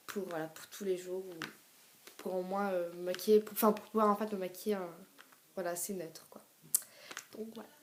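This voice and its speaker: A woman's voice: on the low side, slight background noise. Chatty young woman unboxing gifts. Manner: chatty, many fillers and restarts. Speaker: beauty vlogger. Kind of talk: excited unboxing chat. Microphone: tablet camera.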